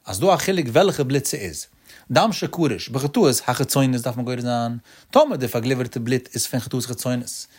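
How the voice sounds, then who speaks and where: A man teaches a Talmud passage in the traditional chanting style. His voice sits at an ordinary middle pitch and swings up emphatically on key points. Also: brisk, darkish tone, husky. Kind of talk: traditional Talmud study lecture.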